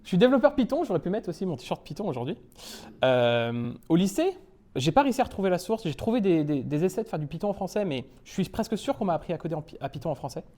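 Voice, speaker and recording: A man from France gives a joking talk on developer jargon to a room of peers. His voice is mellow and dark, and his pitch jumps about a lot as he teases the audience and laughs at himself. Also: big pitch swings, fast. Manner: playful, self-mocking, chuckles often. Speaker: conference speaker. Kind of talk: humorous tech talk to a live audience.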